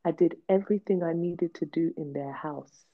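This podcast host speaks at a moderate pace in a lowish voice as she shares a candid personal story. She's blunt and emphatic, repeating herself for emphasis, and the recording sounds dull and lo-fi.

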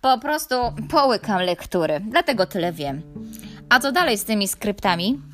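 A woman's voice: medium pitch, big pitch swings, moderate pace, a bit bright, soft background music. Woman playing a clever young boy, matter-of-fact, explaining. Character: calm clever boy, fond of magic.

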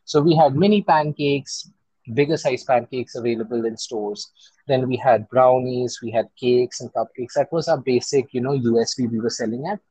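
A man's voice: medium pitch, moderate pace, dark tone, slightly rough, no echo, rough recording. A man with an Indian accent speaking as an interview guest, chatting casually and telling stories about running his own business. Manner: chatty, switches between English and Hindi.

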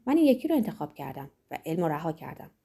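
A measured, ironic older man in authority lectures the young, voiced by a woman reading a novel aloud. The voice sits lower than her narration and stays husky and warm, with lively rises and falls as he explains. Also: full character voice. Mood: reflective. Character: stern older male world controller, ironic.

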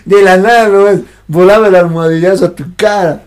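A young man co-hosting a podcast, telling childhood stories in a joking, slangy, animated way. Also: high-pitched, brisk. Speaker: podcast co-host. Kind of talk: casual chat.

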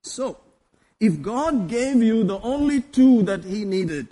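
A man's voice: high voice, animated, extremely slow, dark tone. A male preacher, speaking in short phrases for an interpreter and joking often with laughter. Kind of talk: sermon with interpreter.

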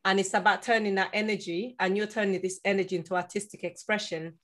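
A woman hosts a podcast interview in an encouraging, affirming way and keeps inviting her guest to open up. Her voice sits at a middle pitch, with ordinary, even delivery. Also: fast talker. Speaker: podcast host. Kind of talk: interview conversation.

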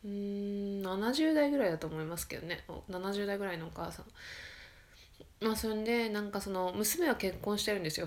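A woman hosting her own talk podcast, chatting casually late at night in a quiet, low-energy voice that keeps slipping into a whisper, rambling and correcting herself as she goes. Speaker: radio podcast host.

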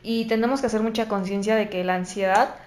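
A woman with a Mexican accent in casual conversation, talking animatedly and fast, often mimicking other people. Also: medium pitch, steady tone, a little mellow, roomy sound. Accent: Mexican Spanish. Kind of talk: casual chat.

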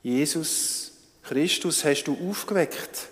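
Slow, solemn pastor in a reverberant church. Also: male voice, a little high. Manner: calm, measured, solemn delivery. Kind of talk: slow liturgical prayer and scripture reading.

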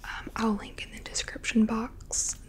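Whispered role-play by a slow, soft-voiced spa woman. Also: a little high, monotone. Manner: gentle, soothing spa attendant, slow and attentive. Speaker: ASMR host playing a spa beautician.

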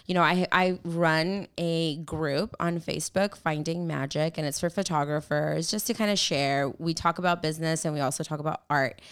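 A woman with a smooth, clear voice talks in a relaxed conversational way about her work as a photographer. She slips into acted-out voices when she quotes people, giving her talk an animated feel. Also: fairly low pitch. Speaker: photographer and group organizer. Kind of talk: casual podcast-style chat.

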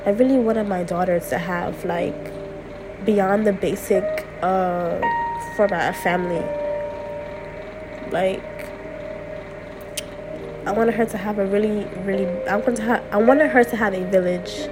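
Late at night, a young podcast host who is getting over a cold vents openly about her life, often going over the same points. She speaks a little slowly in a mid-range voice, pausing often. Music plays underneath, and the audio quality is poor.

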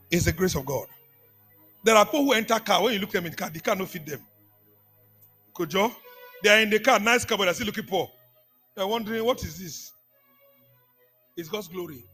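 Lively high-voiced preacher. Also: male voice, fairly quick, long pauses, slightly rough, soft background music. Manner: call-and-response preaching, repeats phrases, swings from hushed to shouting. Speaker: apostle preaching. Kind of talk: sermon.

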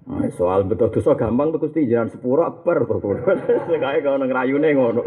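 A man's voice: mid-range voice, normal speed. A middle-aged man with a Javanese accent giving a humorous sermon on a classical religious text, switching between Javanese and Arabic recitation. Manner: humorous, mixes Javanese, Indonesian and Arabic, laughs often. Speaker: Islamic preacher teaching a classical text. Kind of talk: sermon, kitab study lecture. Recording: tinny phone-like lecture recording.

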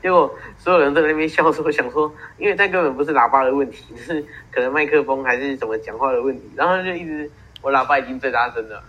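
Fast-talking teen boy, husky, muffled. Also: a little high, a bit bright. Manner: storytelling, teasing. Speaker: podcast co-host. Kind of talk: casual chat. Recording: muffled single-track home recording.

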